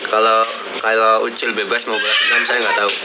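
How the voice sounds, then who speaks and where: Over loud music on a noisy livestream, a host in his 20s talks casually about personal memories in a lowish, level voice. He speaks haltingly and keeps repeating words and phrases, with clear background noise throughout.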